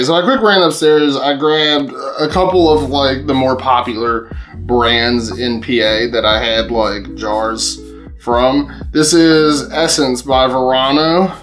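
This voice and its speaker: A man from Pennsylvania chatting casually to his camera at home, swearing freely and laughing between thoughts. His voice sits in an ordinary middle pitch, and he often trips over his words and restarts. A faint strain of music sits behind him. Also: a bit bright. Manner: loose, profane, laughs often, restarts mid-sentence. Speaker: cannabis vlogger host. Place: indoors at home.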